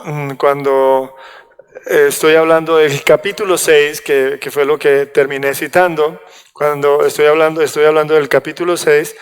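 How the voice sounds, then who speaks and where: A man preaching a sermon to a congregation, halting and restarting as he corrects himself. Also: fairly high pitch, clear, resonant tone. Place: church hall. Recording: long hall reverb.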